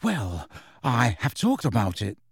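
Guy reading a nervous teen boy fumbling his words, pretty quiet, dry close sound. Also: medium pitch, big pitch swings, slow pace, no room sound. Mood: flustered. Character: awkward teenage boy, flustered.

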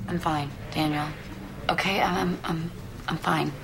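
A woman's voice: low-pitched, steady tone, measured pace, background noise. A woman playing a troubled, fragile wife near breaking point in a dramatic re-enactment. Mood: withdrawn, evasive.

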